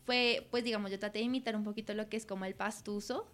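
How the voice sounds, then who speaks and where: A woman's voice: medium pitch, steady tone, fast talker, a bit bright. Young woman, earnest podcast co-host. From Colombia. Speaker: podcast co-host, student researcher. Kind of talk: casual radio chat.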